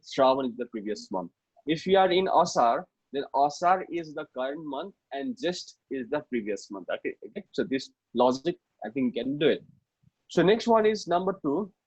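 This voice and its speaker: A man's voice: mid-range voice, animated, moderate pace, darkish tone, husky, no room sound. A man with a Nepali accent teaching an online lesson informally, often repeating himself and checking in with short tags. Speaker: math teacher. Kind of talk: online lesson, explaining informally with code-switching. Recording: dull lo-fi online class audio.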